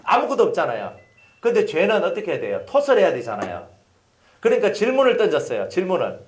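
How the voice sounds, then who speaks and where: A man's voice: high voice, quick pace. A male pastor preaching a sermon, telling stories and acting out scenes. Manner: animated storytelling, acting out scenes with voices. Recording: echoey hall.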